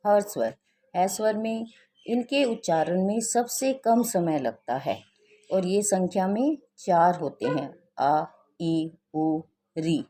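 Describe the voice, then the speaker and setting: A woman teacher giving a recorded grammar lesson for children, slowly reading out example words one at a time. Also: lowish voice, warm tone. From India. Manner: slow, deliberate, reads out example words one by one. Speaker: school teacher.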